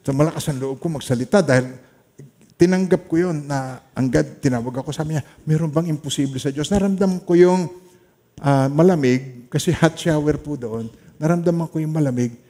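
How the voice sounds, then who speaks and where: A middle-aged man with a Filipino accent, preaching a sermon in a storytelling way and mixing in English phrases, his volume swinging from loud emphasis to quiet trailing lines. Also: on the high side, moderate pace. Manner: mixes Tagalog with English, storytelling, soft-spoken asides. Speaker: pastor.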